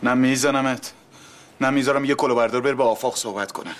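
An actor playing a gruff, threatening uncle who guards his family in a comedy-drama series. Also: medium pitch, steady tone, a bit bright, lightly acted. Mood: hostile. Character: hot-tempered protective uncle.

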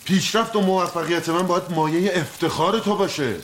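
A sitcom husband who fancies himself a psychology expert. His voice sits somewhat high, and he flares up indignantly and lectures with wounded pride. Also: a bit bright, slight background noise. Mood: exasperated, vain. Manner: indignant, exasperated, quick to rise. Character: vain, fussy husband and would-be TV psychologist. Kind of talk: sitcom acting.

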